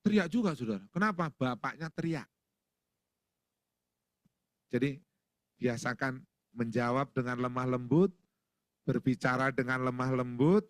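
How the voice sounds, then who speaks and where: A man's voice: medium pitch, lively intonation, measured pace, long pauses, no echo, studio quality. A middle-aged male pastor preaching a sermon in a church, folksy and joking, acting out little household exchanges.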